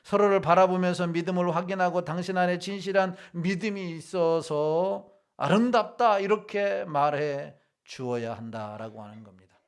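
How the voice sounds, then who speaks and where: Gravelly high-voiced male preacher. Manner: dramatic sermon delivery, acting out Bible quotes with sudden swings in loudness. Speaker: pastor. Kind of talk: sermon.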